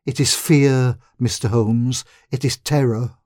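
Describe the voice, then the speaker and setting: A man's voice: medium pitch, fairly even intonation, slow, darkish tone, no echo, clean studio sound, lightly acted. A man reading a story, voicing a frightened young woman who pleads urgently for help. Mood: distressed. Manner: urgent, trembling pleas.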